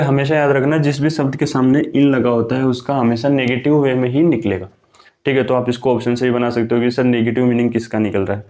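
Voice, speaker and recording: In a casual online lesson for defence exams, a young vocabulary teacher with a mid-range, slightly mellow voice walks students through words. He stays chatty, calls them brother, and checks in with "okay" as he goes.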